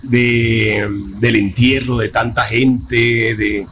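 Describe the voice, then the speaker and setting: A man's voice: mid-range voice, flat delivery, very slow, fairly bright tone, slight background noise. A man hosting an interview, asking direct personal questions. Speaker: interview host.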